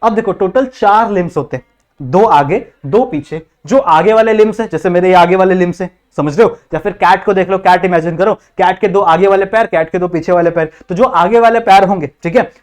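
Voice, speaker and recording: A man's voice: high-pitched, fairly quick. A young man teaching a biology class, asking rhetorical questions and checking in constantly. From India. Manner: repetitive, quizzing students with constant check-ins. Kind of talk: classroom lecture in Hindi-English mix.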